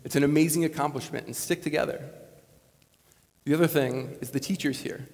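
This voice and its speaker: On a large school gym stage, a Wisconsin man in his late twenties gives a commencement speech through a lapel mic, and the room leaves a long reverb. He sounds on the high side and fairly quick, earnest and conversational, with animated gestures.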